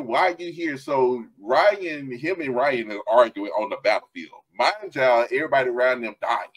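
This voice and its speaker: A man of middle age, an author who also hosts, speaks at medium pitch on a casual video call from home, animated, gesturing, and often laughing. The headset recording is low quality.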